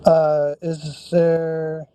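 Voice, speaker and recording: A man calling into a live online debate, speaking hesitantly with halting restarts over a bad internet connection that keeps breaking up. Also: a little high, monotone, background noise. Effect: breaking-up bad internet call connection. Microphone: remote call audio.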